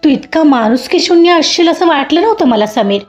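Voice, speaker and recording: A woman's voice: high-pitched, lively intonation, fairly quick, darkish tone. Woman doing Akshaya, a firm outspoken young woman. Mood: indignant. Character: caring, outspoken young woman office worker. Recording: dull lo-fi audio with faint music.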